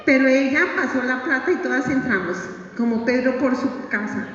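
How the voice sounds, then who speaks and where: A woman giving a live religious testimony, telling her story with lively acted-out voices. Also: high-pitched, moderate pace, a little hiss or hum. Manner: animated storytelling that acts out voices. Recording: echoey hall, distant dull mic.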